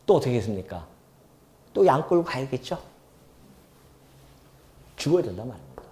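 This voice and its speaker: A man preaching an expository sermon as a pastor in a church, animated, swinging between loud emphasis and soft asides, and often asking the congregation questions. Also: mid-range voice, normal speed. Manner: asks the congregation questions and acts out quoted speech.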